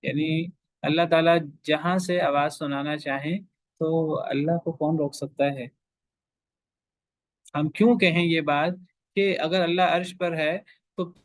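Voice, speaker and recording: A man's voice: on the high side, no room sound. Emphatic male teacher, rhetorical questions. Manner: emphatic, asks rhetorical questions and repeats phrases. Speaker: Quran teacher. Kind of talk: religious lecture to a class.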